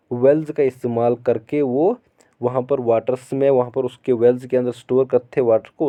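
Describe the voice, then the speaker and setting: A man teaching a school history lesson, reading English textbook lines slowly and then explaining them at length, with many repetitions. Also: medium pitch. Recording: phone-like narrow sound.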